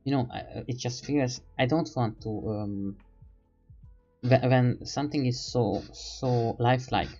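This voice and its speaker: A man's voice: mid-range voice, a little slow, darkish tone, slightly rough, dull audio, faint music behind. A man streaming, telling a rambling casual story in non-native English, hesitant and full of fillers as he searches for words.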